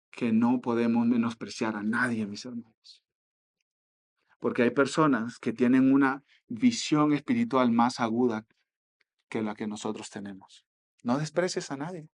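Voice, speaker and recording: A man with a Mexican accent preaching a sermon as pastor, swinging between soft asides and loud exhortation. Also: mid-range voice, a little slow, long pauses.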